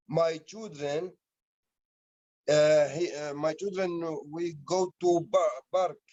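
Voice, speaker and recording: A man from Syria, a language learner talking in short, simple, halting sentences. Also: fairly high pitch, darkish tone. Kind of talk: simple learner English in a class video. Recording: dull lo-fi video sound.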